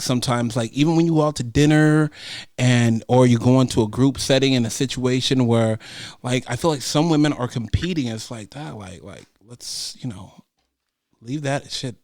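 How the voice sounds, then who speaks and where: A man's voice: mid-range voice, darkish tone, no room sound. A man with a mid-range voice talks like a frat bro on a casual talk show. He leans on slangy bro talk and stretches words for emphasis. The sound is dry, with very little room. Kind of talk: casual chat.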